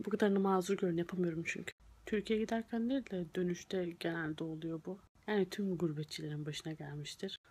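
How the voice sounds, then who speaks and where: A woman's voice: lowish voice, fairly even intonation, fairly quick, a little mellow, breathy edge. A woman in her twenties from Germany, chatting casually into a phone at arm's length. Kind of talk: casual selfie chat.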